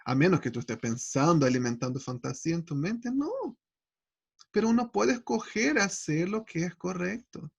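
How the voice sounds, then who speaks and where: A man's voice: high-pitched, lively intonation, normal speed, vocal fry, slightly rough, lo-fi sound. A man teaching an online Bible study, speaking with earnest, personal testimony. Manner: earnest personal testimony, acting out his own prayers.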